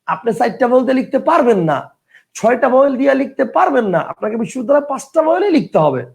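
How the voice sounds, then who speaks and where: A man's voice: very high-pitched, big pitch swings, fast, gravelly. A man teaching a live online grammar lesson, asking questions and answering them himself.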